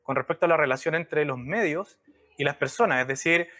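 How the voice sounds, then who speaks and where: A podcast host who works as a brand strategist leads a conversational interview, hesitating and searching for words. His voice is on the high side, a little fast, pushed and bright.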